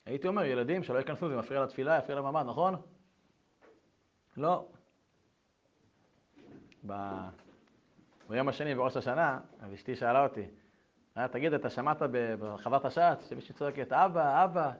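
A middle-aged man giving a lively Torah lesson, moving between reading old texts aloud and telling personal stories. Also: mid-range voice, pauses often. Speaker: Torah lecturer. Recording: dull lo-fi recording.

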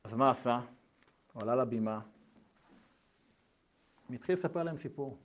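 A man preaching a sermon, telling a story in a lively way with colloquial asides. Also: medium pitch, lo-fi sound.

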